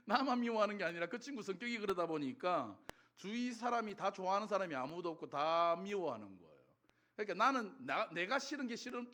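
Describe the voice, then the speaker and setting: A middle-aged male pastor preaching a sermon, telling stories with humor and acting out his own prayers. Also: high-pitched. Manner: animated storytelling, acts out his own prayers; laughs often, jokes with the congregation.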